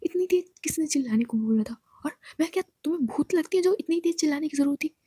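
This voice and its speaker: A storyteller putting on a young woman boss, stern and then remorseful, speaking in a hushed, pleading way in an audio love story. The voice sits slightly lower than usual and is high overall, with a mellow, dark tone. The sound is dry and close. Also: animated, fast, no room sound. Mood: scolding.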